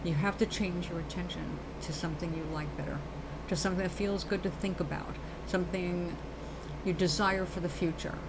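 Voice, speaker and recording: A creaky, lowish voice, steady in tone and fairly quick, comes from a New York woman with a New York accent hosting a live show over a noisy background. She chats casually with viewers about spirit, earnest and rambling, calling them baby and darling.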